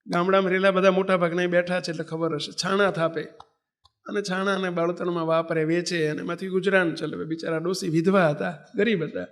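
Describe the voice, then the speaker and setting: A man's voice: high voice, a little fast. A man from Gujarat giving a storytelling sermon, animatedly acting out the figures in a parable. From Gujarat, India. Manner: animated, voices characters in a parable. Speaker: preacher.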